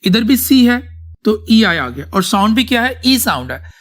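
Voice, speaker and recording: In a classroom vocabulary lecture, a male teacher alternates between English and Urdu, repeatedly confirming that students follow and calling them "beta." His high, fairly bright voice has a sing-song lilt and a moderate pace.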